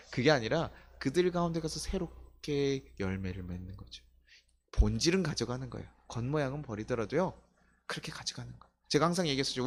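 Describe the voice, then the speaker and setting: Middle-aged man, pastor, lively sermon delivery with a wide pitch range; chatty, full of rhetorical questions, acts out quoted voices. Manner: conversational preaching with rhetorical questions. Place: church sanctuary.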